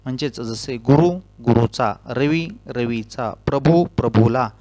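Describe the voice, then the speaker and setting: Slow, deliberate male grammar teacher. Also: mid-range voice, mellow, highs cut off. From Maharashtra. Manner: slow, deliberate, reads out rules and spells example words. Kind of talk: Marathi grammar lesson.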